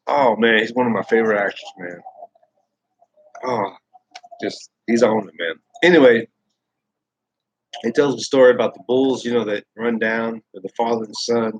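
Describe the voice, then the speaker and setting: A man's voice: medium pitch, normal speed, long pauses, husky, no echo, low-quality recording. A man in his thirties hosting a casual live chat, rambling and swearing freely. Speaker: host.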